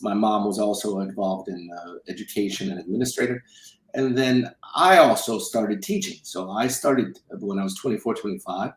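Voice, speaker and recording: A middle-aged financial advisor and film executive producer, Romanian-born but raised in South Dakota from childhood, talks through his story as an interview guest, regularly restating and rewording himself. His voice sits on the low side at a moderate pace, and the recording is rough and reverberant.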